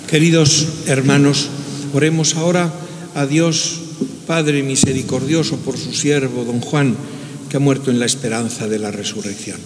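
A man celebrating a funeral mass, preaching and praying in a slow, measured liturgical way, his voice ringing with cathedral echo. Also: medium pitch, fairly even intonation, a little hiss or hum. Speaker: celebrant priest. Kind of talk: solemn funeral homily and prayers. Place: large church at a funeral mass. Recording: long cathedral reverb.

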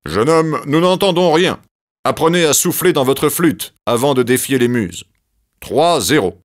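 A man's voice: medium pitch, expressive, moderate pace, pitched above the performer's own voice, lightly acted. A man doing a gloating, cheating king of the gods. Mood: mocking. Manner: gloating, ironic. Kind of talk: children's audiobook character voice.

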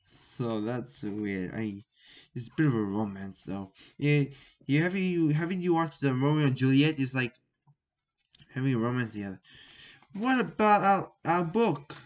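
A man reads a children's chapter book aloud in a middle-pitched voice. He stumbles and restarts often, breaking off to chat about the pictures. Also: expressive, a little mellow. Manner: halting, with frequent restarts and comments. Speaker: story reader.

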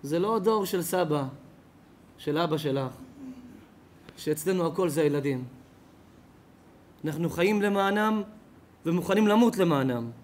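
A rabbi from Israel preaching an ethics sermon to a live congregation, swelling loud on key phrases and then dropping quiet and intimate. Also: male voice, on the high side, expressive, long pauses. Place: lecture before a live audience.

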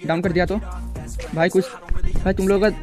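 Young male gaming streamer, very high pitch, hyper and repetitive, soft music underneath. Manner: excitable, repeats words rapidly. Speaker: gaming YouTuber. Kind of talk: casual gameplay commentary.

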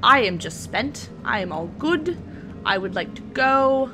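Sarcastic woman gaming, animated pitch. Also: unhurried, music in the background. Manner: sarcastic, swears and talks to the game characters. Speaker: gaming channel host. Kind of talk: let's play commentary.

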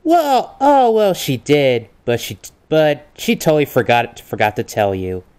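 A man's voice: on the high side, big pitch swings, a little slow, darkish tone, clear, resonant tone. A man acts out a mischievous young liar in an amateur comedy dub. The voice swings up and down constantly, coy and teasing, dragging words out in mock innocence. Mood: playful. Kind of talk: amateur comedic fan dub role-play.

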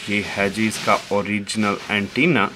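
An antique shop owner gives a casual, joking vlog demo of an old tape recorder, mixing in Hindi and English asides and speaking softly so no one outside hears. His fairly low voice is a little slow with fairly even intonation, recorded in a noisy room.

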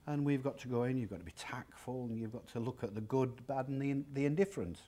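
A man's voice: medium pitch, quick pace, mellow. Guy in his 50s, easygoing chat, walks through prices step by step, inside a big warehouse. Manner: chatty, plain-spoken, explains prices step by step. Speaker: warehouse shop owner. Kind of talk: interview and object demonstration. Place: large indoor secondhand furniture warehouse.

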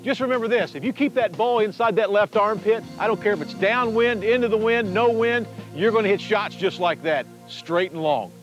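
A man's voice: high-pitched, normal speed, few pauses, highs cut off, soft background music. A man hosting a golf instruction infomercial as a teaching pro, speaking outdoors on the course.

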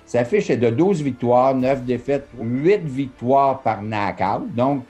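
A mellow, darker-toned man in his sixties with a Québécois accent reads out a boxing card. He lists fighters and their records in a brisk, matter-of-fact way, close to a webcam, with faint music underneath. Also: medium pitch, animated. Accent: Québécois French. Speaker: boxing promoter. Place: office with posters, indoors. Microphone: phone or webcam close to the face.

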